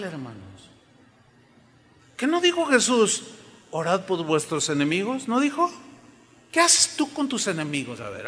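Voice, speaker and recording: In a church sanctuary whose long reverb fills the recording, a male pastor with a high, bright voice preaches a sermon. He is emphatic and often asks the congregation questions.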